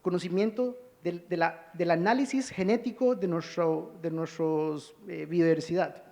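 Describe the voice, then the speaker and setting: A man's voice: sits high, steady tone, normal speed, gravelly, a little mellow. A man from Rica, giving an earnest conference presentation and calling for the next slide. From Costa Rica. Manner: earnest, urging, cues slides. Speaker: conference speaker. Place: conference hall. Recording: long hall reverb.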